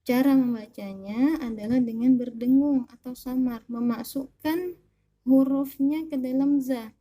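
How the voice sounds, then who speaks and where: A woman's voice: high-pitched, warm tone. A woman with an Indonesian accent teaching Quran reading, over-enunciating as she carefully demonstrates pronunciation. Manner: over-enunciating, deliberately stretched and stressed syllables. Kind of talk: slow instructional lesson with recitation demonstrations.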